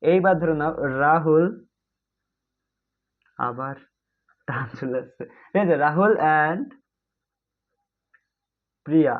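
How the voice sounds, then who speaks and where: A man's voice: fairly high pitch, slow pace, long pauses. Chatty male grammar teacher, tinny audio. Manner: chatty, keeps asking "ঠিক আছে?"; addresses students as "bhai", mixes English terms. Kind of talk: online exam-prep class.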